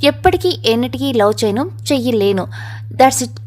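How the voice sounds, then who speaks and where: An angry young heir, as a woman reader puts him on, firm and forceful. His lines come out loud and decided in a spoken romance story. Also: high voice, sing-song, moderate pace.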